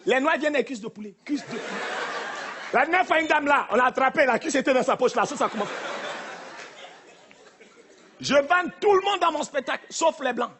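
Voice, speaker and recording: Performing live on a theater stage, the male stand-up speaks at a quick pace in a very high, fairly bright and animated voice. He teases the crowd with punchy lines, and audience noise comes through.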